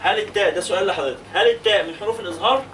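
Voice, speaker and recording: High bright Egyptian man teaching tajweed. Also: distant mic, slight background noise. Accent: Egyptian Arabic. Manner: patient, questioning, drawn-out demonstrative recitation. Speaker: Quran recitation teacher. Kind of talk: interactive tajweed lesson.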